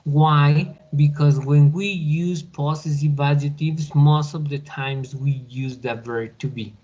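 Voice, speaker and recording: A man teaching an English grammar class in a patient, deliberate way, often checking in with listeners. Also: a little high, steady tone, darkish tone. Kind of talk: recorded online class explanation. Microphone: computer mic on a video call. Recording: dull lo-fi video call recording.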